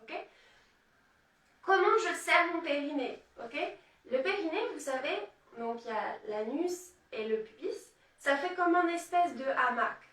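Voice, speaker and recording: A woman with a high voice leads a yoga class in an unhurried, calm way. She guides the breathing and counts the moves aloud, and her voice sounds distant in an echoey room. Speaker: yoga teacher. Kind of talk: live yoga class instruction. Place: room, indoors.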